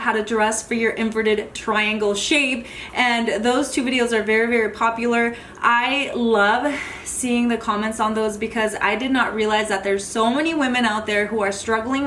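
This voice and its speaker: A woman's voice: a little high, fairly bright tone, slight background noise. A woman fitness vlogger chatting casually at home as she shows her workout gear. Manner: chatty, loose and friendly, with many fillers. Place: home workout corner indoors.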